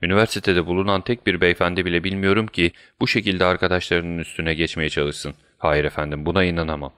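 A man voicing a humble, deferential male college servant who answers respectfully, in a deep voice. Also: fairly even intonation, quick pace, a bit bright, clean tone, no echo, clean studio sound. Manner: respectful, says sir often.

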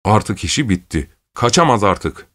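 A man voicing an angry, desperate male peasant villager who mutters his thoughts in a low voice. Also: sing-song, normal speed, a bit bright. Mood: vengeful.

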